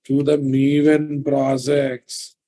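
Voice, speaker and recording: A middle-aged programming instructor with a Telugu Indian accent teaches a live online class from a computer indoors. His mid-range voice is level and mellow, and he speaks slowly, dictating notes, repeating phrases, and quizzing listeners.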